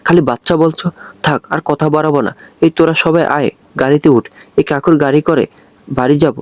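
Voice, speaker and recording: A man's voice: fairly high pitch, fairly even intonation, fairly quick, no echo, natural voice. A man voicing a bossy, fearless little girl. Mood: bossy scolding. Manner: scolding, cheeky.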